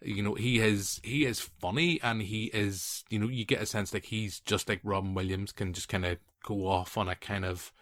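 A man in his late thirties hosts a casual film podcast, talking in a fairly low voice. He tells animated stories full of asides and restarts. The sound is dry and close, with no room around it. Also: moderate pace, hardly any pauses, no room sound. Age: 30s. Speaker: podcast host.

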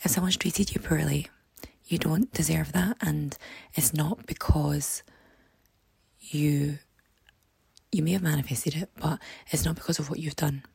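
A hoarse woman with a croaky frog voice that often thins to near-whisper, giving earnest, reassuring advice as a podcast host. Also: low-pitched, steady tone, a little slow, mellow, no echo. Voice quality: croaky, froggy voice. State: hoarse, voice partly lost. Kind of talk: reflective self-help podcast monologue.

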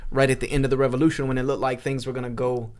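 A man talking as a podcast guest in a casual chat, earnest and animated, with frequent restarts. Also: mid-range voice, rapid-fire. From United States.

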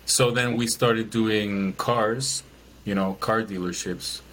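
A man's voice: on the low side, steady tone, slow pace, fairly bright tone, slight background noise, poor audio. A man from Chile, a guest in an interview, talking casually with many fillers and restarts. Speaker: guest, business owner.

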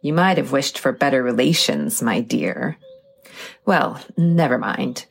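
A woman voicing a sly, ravenous old witch who speaks gruffly and gives orders with mocking menace. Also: extremely low pitch, expressive, measured pace, exaggerated voice. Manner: commanding and mocking.

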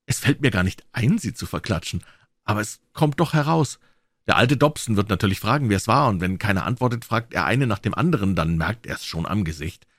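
A man's voice: fairly low pitch, lively intonation, fairly quick, fairly bright tone, dry recording, studio quality. A man voicing a cocky young schoolboy who scoffs while muttering to himself. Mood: scornful.

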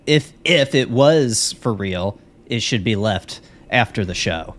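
A man's voice: on the low side, lively intonation, slow pace. A man co-hosting a podcast in casual chat, rambling with lots of fillers and restarts. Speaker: podcast co-host.

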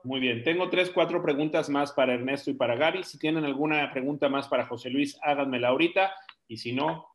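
Man moderating a panel, reads out audience questions, brisk and friendly. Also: medium pitch, a bit bright. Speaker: host and moderator.

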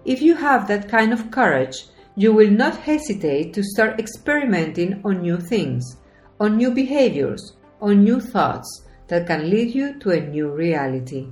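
A non-native English-speaking woman delivers an earnest, encouraging motivational talk, her pitch rising and falling in a lively way. Her voice sits in a roomy space, with soft music under it. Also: a little slow. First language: not English. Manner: earnest, encouraging, reads from a script. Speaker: podcast host, life coach. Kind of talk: scripted motivational monologue.

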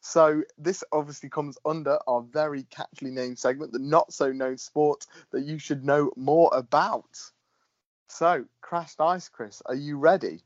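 A man's voice: a little high, fairly even intonation, unhurried, no echo. A man co-hosting a podcast in casual chat, chatty and laughing often. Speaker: podcast co-host. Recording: slightly dull, dry recording.

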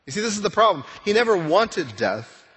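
A man's voice: high-pitched, big pitch swings, a little fast, fairly bright tone. A male pastor preaching a conversational sermon, full of rhetorical questions. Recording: long reverb of a church hall.

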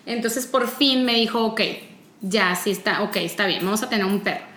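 A woman's voice: mid-range voice, moderate pace, bright, forceful tone, reverberant. A woman with a Mexican accent telling a story in a casual chat and quoting the people in it. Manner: chatty storytelling with quoted dialogue.

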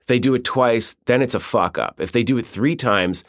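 A man's voice: medium pitch, normal speed, no room sound, clean studio sound. A man being interviewed as a film director, talking bluntly and profanely in a flowing, storytelling way. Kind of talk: casual interview talk.

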